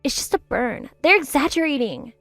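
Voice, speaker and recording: A woman's voice: high voice, very animated, normal speed, bright, forceful tone, dry recording, soft background music, heavily acted. A woman voicing a selfish, spiteful wife in her fifties who turns defensive and self-pitying in a story drama. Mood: dismissive.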